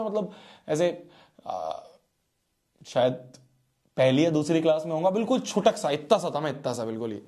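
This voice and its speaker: A young man, a teacher telling a childhood story to his students in a playful, animated way. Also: a little high.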